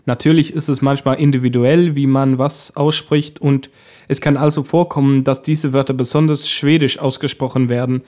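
A man narrating a scripted language lesson in a calm, clear, explaining manner. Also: medium pitch, normal speed. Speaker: language teacher.

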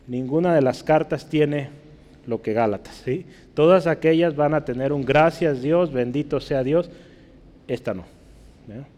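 A man teaching a Bible class in Spanish, checking in with his listeners and spelling out Greek words slowly. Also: on the high side, darkish tone, long reverb tail. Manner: checks in with listeners, asking "¿verdad?" and "¿sí?".

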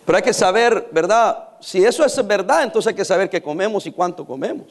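High-voiced joking preacher in his fifties. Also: expressive, fairly quick. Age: 50s. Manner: joking, teasing storyteller. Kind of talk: sermon.

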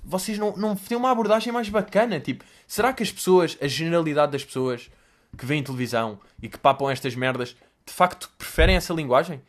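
Young dude podcasting, slangy, curses a lot, fired up, voice a touch high. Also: male voice. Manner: animated, swearing, slangy rants with laughs. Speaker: podcast host answering listener questions. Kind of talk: casual monologue.

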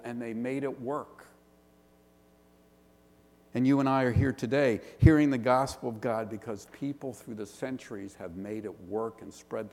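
Preaching a sermon in a big, reverberant hall, a Pittsburgh-area pastor speaks with a gravelly, darkish male voice at medium pitch and a Western Pennsylvania accent. His earnest style mixes rhetorical questions with slow, emphatic lists.

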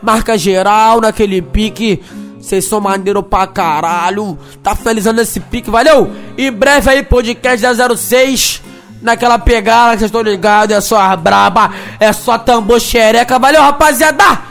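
A man from Brazil, a DJ, rattling off crude, rowdy shout-outs over a mix, yelling names and laughing. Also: high voice, moderate pace, vocal fry. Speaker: DJ giving shout-outs on his podcast mix. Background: funk music beat.

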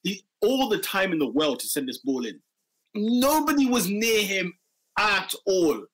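Animated, husky London man talking football. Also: high voice, a little slow, poor audio. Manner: repeats phrases for emphasis, slangy. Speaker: football podcast panellist. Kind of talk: casual football banter.

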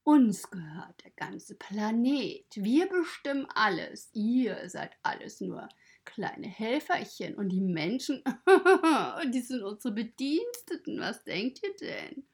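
A woman's voice: a little high, big pitch swings, slow, slightly rough, voice pushed up, exaggerated voice. A woman voicing a boastful, cocky little male tomcat in a children's story, talking smugly about how cats rule everything. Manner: bragging, smug.

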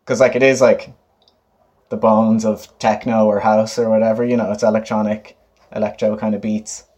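Casting: man, late 20s, west of Ireland accent, low voice, casual and informal interviewee. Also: little pitch movement, moderate pace, darkish tone. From Galway, west of Ireland. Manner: informal, often laughing. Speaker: guest, musician and DJ.

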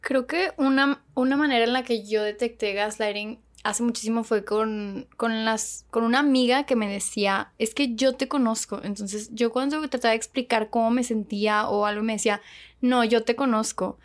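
A woman's voice: a little high, steady tone, normal speed, few pauses. A woman with a Mexican accent in casual chat, candid and blunt, telling a personal story and swearing.

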